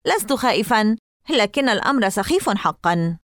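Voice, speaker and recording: A woman's voice: mid-range voice, animated, fairly quick, no room sound, studio quality, close to an everyday voice. A woman reading aloud and voicing a mocking, dismissive young boy in an audiobook. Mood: scoffing. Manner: sarcastic, dismissive. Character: scoffing, mocking boy of about twelve.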